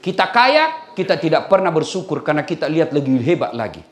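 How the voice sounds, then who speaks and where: A man with a Makassar Indonesian accent delivers a humorous sermon, often checking in with his listeners through tag questions. His pitch rises and falls in lively swings, and the room adds a roomy echo. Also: a little fast. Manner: jokey, addresses the audience with tag questions. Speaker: Islamic preacher.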